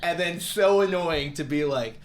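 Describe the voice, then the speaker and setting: A young man co-hosting a casual movie review podcast, animated and jokey, laughing often and jumping high in pitch when excited. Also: measured pace. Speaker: podcast co-host.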